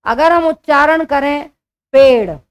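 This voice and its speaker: A high-voiced young woman teaches an exam-prep grammar lesson. She speaks slowly and deliberately, repeating each key point so it sticks. Her delivery is patient and explanatory. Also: expressive.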